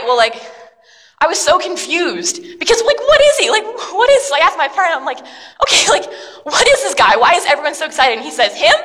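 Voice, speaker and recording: With a high-pitched voice in full character, a woman tells a story breathlessly as an excitable young city dweller full of self-doubt, leaning on slangy fillers. It's a dramatic monologue, and a large hall's long reverb trails behind her.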